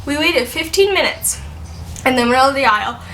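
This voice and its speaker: Bright-voiced young woman telling a storytime. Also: high-pitched, lively intonation, brisk, a little hiss or hum. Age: 20s. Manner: chatty, rambling, heavy use of "like". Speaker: vlogger. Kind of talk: casual storytime vlog.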